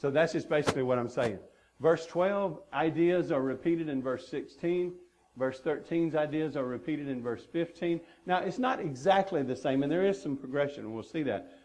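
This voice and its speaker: A male pastor delivers a sermon in an earnest, emphatic manner, driving his points home with repeated phrases. His voice sits a little higher than most men's. He speaks from a church stage mic. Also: normal speed, a little mellow. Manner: earnest preaching with emphatic repetition.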